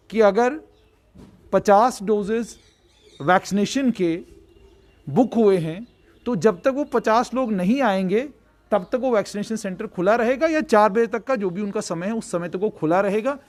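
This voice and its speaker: A male news reporter with a high-pitched voice, talking through the story in a clear, explanatory way. He sets out each step before turning to question the person beside him. The pitch sits well above most men's. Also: unhurried, a little mellow. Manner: explanatory, prompting with frequent hums. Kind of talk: field news report and interview.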